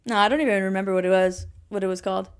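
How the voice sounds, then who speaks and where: A young adult woman co-hosting a podcast, telling a story in casual chat with lively delivery and sudden loud exclamations. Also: medium pitch, racing, smooth. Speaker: podcast co-host.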